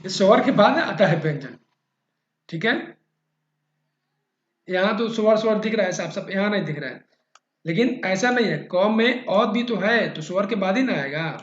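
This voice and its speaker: A man's voice: high voice, animated, normal speed, pauses often. A man teaching a grammar lesson, patiently repeating key terms and checking in often with his listeners. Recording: echoey dull-sounding room.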